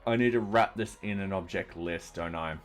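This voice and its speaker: Over soft background music, a low-voiced man streams himself writing code at a moderate pace. The streamer and software developer talks casually through each step as live coding commentary, dropping dry, slightly sarcastic asides.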